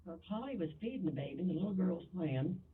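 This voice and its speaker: A woman with a very husky voice, recounting events to police in a plain storytelling way, often starting with "well". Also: fairly low pitch, animated, quick pace, distant mic, narrow, tinny audio, a little hiss or hum. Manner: plain storytelling, many wells. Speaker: witness in police interview. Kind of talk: recorded police interview.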